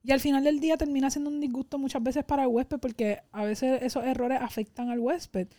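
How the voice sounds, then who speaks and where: A woman's voice: sits high, level tone, a little fast, dark tone, dry recording. A woman telling workplace anecdotes in casual conversation, now and then slipping English words in. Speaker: podcast co-host. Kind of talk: casual storytelling chat.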